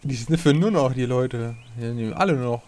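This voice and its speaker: A man with a German accent co-hosting a let's play, excitable and teasing, laughing often. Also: medium pitch, moderate pace. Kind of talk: casual gaming chat.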